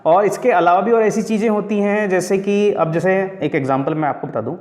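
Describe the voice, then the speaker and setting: Male Indian tutor with a higher-pitched voice and a Hindi-English lecturing style, patient and repetitive, recorded with a long hall echo. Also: a little fast, darkish tone. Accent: Indian, Hindi-English mix. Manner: explains patiently, asks and answers his own questions, calls students "beta". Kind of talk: exam-prep grammar lecture.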